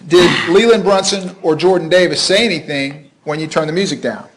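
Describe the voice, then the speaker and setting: A man's voice: fairly high pitch, a little fast, a bit bright, low-quality recording. A man questioning a witness as a prosecutor in a formal, methodical way, in a courtroom recording.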